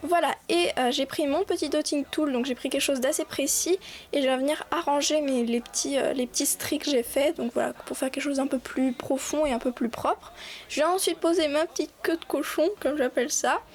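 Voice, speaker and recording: A woman's voice: high-pitched, a little fast. A young woman hosting a casual voice-over craft tutorial, chatty and full of fillers and restarts.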